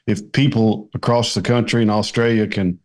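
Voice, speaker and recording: A middle-aged man with a West Kentucky twang, chatting as a podcast guest in a folksy, halting way. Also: on the low side, fairly even intonation, darkish tone. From Kentucky, United States. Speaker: podcast guest, men's ministry leader. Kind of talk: casual conversational interview.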